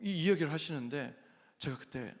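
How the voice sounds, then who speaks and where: A man's voice: a little high, lively intonation, brisk. A man in his thirties preaching a sermon, telling a personal story earnestly and acting out quoted lines. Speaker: pastor. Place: large church sanctuary. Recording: echoey sanctuary with long reverb.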